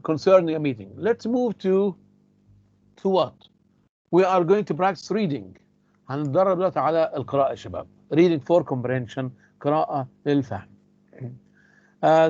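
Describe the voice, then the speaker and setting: A man with an Egyptian Arabic accent teaching English, explaining phrases in Arabic and repeating the English examples slowly and carefully. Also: a little high, darkish tone, dry recording, muffled recording. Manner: repeats key words for emphasis.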